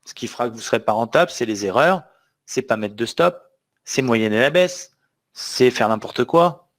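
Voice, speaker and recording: A man's voice: mid-range voice, expressive, normal speed. A man teaching a live online trading webinar, talking emphatically and often checking that the audience understands. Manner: emphatic, asks the audience questions. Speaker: trading trainer.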